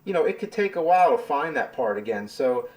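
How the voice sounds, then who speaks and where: A man's voice: on the high side, very animated, quick pace, a little mellow. A man casually walking through how he edits his videos. He talks in a loose, rambling way with plenty of fillers. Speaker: video creator explaining his editing. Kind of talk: casual behind-the-scenes explanation.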